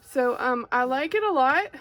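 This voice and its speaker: Expressive and a little slow, an Arkansas woman with a high, fairly bright voice and a Southern accent chats casually, if a bit hesitantly, while hosting a craft unboxing video. She's recorded on a phone clamped overhead.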